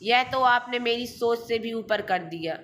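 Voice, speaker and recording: A woman's voice: a little high, measured pace, a bit bright, slight background noise. A woman voicing a polite young married man in a storybook reading. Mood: surprised.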